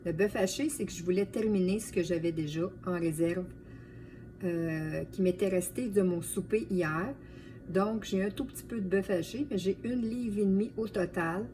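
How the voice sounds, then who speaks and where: A woman with a Quebec French accent hosts a casual home cooking demonstration. She talks in a chatty way, addressing viewers as friends, at a medium pitch. The mic is some distance away and picks up light background noise. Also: moderate pace, dark tone. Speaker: home cook and video host.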